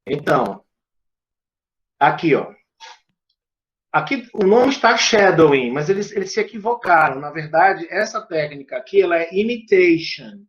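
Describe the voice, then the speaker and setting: A man's voice: on the high side, animated, a little slow, long pauses. A man teaching English in an online lesson, explaining step by step and repeating short phrases aloud. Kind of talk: online lesson with screen demo. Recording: echoey room, dull lo-fi sound.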